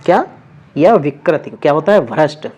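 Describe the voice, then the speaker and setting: Man teaching vocabulary, slightly high voice, repeats himself a lot, dull recording. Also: expressive, normal speed, darkish tone. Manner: repeats words with frequent check-ins. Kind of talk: exam vocabulary lesson.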